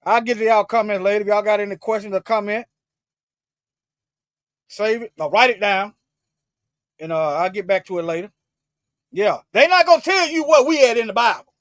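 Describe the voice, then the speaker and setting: Fervent high-voiced man preaching live. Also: moderate pace, pauses often, no echo, studio quality. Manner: fervent, repetitive, with frequent restarts; swings between loud emphatic bursts and low asides. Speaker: online Bible teacher. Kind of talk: livestreamed preaching.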